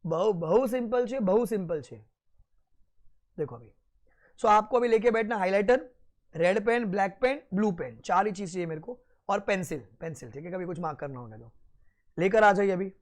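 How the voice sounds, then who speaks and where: A young man giving an animated law lecture in a mix of Hindi and English with an Indian accent, slowing down to dictate notes and then rushing through asides. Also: sits high.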